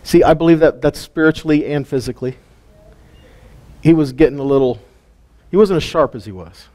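A man's voice: on the high side, a little fast, mellow. A man giving a casual sermon teaching, retelling Bible stories in a folksy, plain-spoken way.

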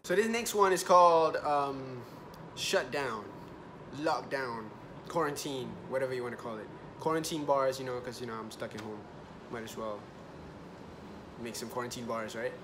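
A young man performing live from his bedroom, singing melodic verses and rapping fast bars into a phone or webcam. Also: medium pitch, noisy background. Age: young adult. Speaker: singer and rapper. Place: small bedroom at home. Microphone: webcam or phone facing him. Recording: roomy home recording over loud music. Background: guitar and backing music.

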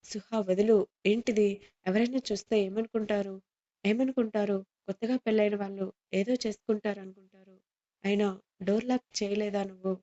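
A woman's voice: medium pitch, fairly even intonation, a little fast, mellow, natural voice. A woman voicing a shy young newlywed wife who scolds lightly and sounds flustered, in a storybook reading on dull lo-fi audio.

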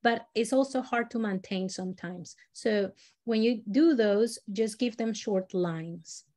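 A woman from Latin America leading a storytelling workshop, explaining exercises in an animated, demonstrative way. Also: a little slow. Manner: animated, demonstrative, swings pitch and loudness while modeling voices. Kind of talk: teaching a live workshop.

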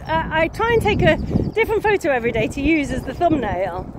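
Brief: chatty woman vlogger outdoors, high and sing-song, wandering self-mocking talk. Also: sing-song, quick pace, noisy background. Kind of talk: casual rambling vlog.

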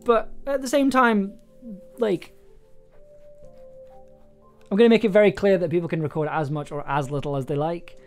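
At a desk in a small indoor room, a young adult man hosts a casual livestream. He makes audio dramas and sounds tired as he rambles, hesitates and cuts himself off. His voice is high with fairly even intonation at normal speed, with long pauses and faint music behind.

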